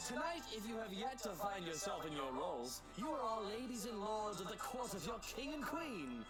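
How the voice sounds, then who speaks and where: A man's voice: high voice, very animated, normal speed. An actor voicing a proud young nobleman who hosts a feast and speaks in a formal, commanding way. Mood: grand. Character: proud young male host of a feast, haughty. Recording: game audio with loud music.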